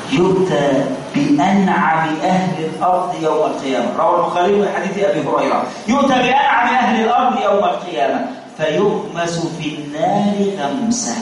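High-voiced Egyptian preacher in a booming hall. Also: male voice. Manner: rhetorical repeated questions, mixing formal and colloquial Arabic. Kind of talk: sermon. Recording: very echoey, distant mic, faint noise.

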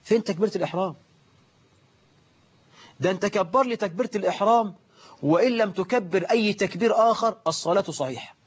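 A man with an Egyptian accent giving a lively religious lesson on prayer, imitating worshippers and scolding them, slowing down to recite quotations. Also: high-pitched, husky, highs cut off. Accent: Egyptian Arabic. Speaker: preacher.

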